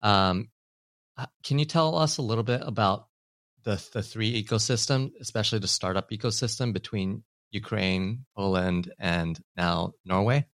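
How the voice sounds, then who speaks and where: A man's voice: lowish voice, normal speed, a bit bright, no room sound, clean studio sound. A man hosting a podcast, introducing the show and putting questions to his guest. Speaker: podcast host.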